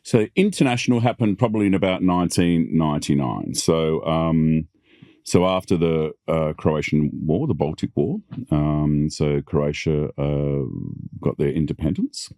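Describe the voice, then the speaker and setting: A man's voice: extremely low pitch, measured pace, dry recording, studio quality. A businessman as a podcast guest, talking about work in an easygoing way. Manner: easygoing, relaxed, many fillers. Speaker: guest, family business executive. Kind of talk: casual interview chat.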